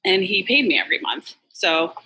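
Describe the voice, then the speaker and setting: A woman's voice: mid-range voice, big pitch swings, moderate pace, sharp tone, breathy edge, rough recording. A woman from Massachusetts, a restaurant co-owner, talking candidly in a casual interview with lots of "like" and "you know". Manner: chatty, candid, fillers like "like" and "you know", swears.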